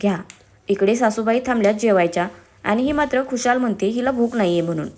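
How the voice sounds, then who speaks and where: A woman's voice: fairly high pitch, fast, dark tone, natural voice. A woman voicing a snide older woman who taunts her in-laws. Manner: mocking, snide.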